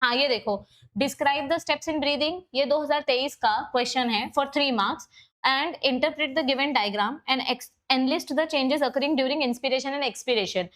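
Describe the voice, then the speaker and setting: A woman's voice: high-pitched, slow pace, a bit bright. A woman biology teacher, giving an exam-prep lecture, explaining step by step and switching to English for key terms. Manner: corrects herself mid-explanation.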